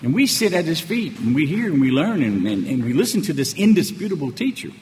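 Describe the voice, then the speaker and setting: A man's voice: fairly high pitch, big pitch swings, a little fast, darkish tone. A man preaching a sermon, emphatic and full of rhetorical questions, often checking in with "okay?" and "right?". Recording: echoey hall with faint ambient noise.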